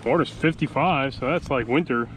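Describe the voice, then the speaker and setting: Recorded roughly on an action camera mounted to his kayak, a man in his thirties fishes alone on a calm open sea and talks to himself between casts. His mid-range voice is fairly bright and moves at a moderate pace, with slight background noise. The commentary is casual and laid-back.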